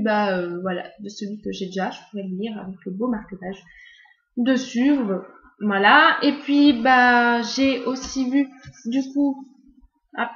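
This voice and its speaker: Young woman, book vlogger, halting delivery, slightly high voice, roomy and muffled sound. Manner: hesitant, many fillers and restarts. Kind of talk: casual vlog chat.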